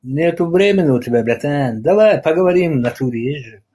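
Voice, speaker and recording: A man's voice: fairly high pitch, animated, brisk, mellow, husky. A man hosting an informal live debate, arguing insistently and repeating himself.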